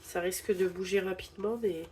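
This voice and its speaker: A warm, lowish voice with fairly even intonation comes from a young woman who hosts a budgeting channel. Stuffed up with a head cold, she narrates casually and a little quickly, pausing uncertainly as she counts bills aloud. Slight background noise can be heard.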